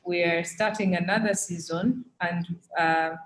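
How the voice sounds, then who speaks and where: Hesitant woman from Tanzania, lowish voice. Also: steady tone, measured pace, low-quality recording. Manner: hesitant, many fillers. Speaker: webinar participant. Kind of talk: casual remarks on a video call.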